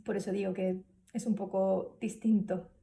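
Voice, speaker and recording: A woman's voice: medium pitch, flat delivery, normal speed, creaky, warm tone, distant mic. A woman giving a spoken class presentation, hesitant, with many fillers and restarts. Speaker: student presenter.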